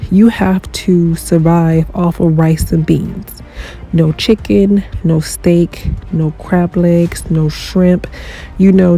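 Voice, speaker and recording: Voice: medium pitch, gravelly, warm tone, low-quality recording. A chatty reviewer who is congested from a cold, rambling casually through a show review with plenty of fillers. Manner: rambling, conversational, lots of fillers.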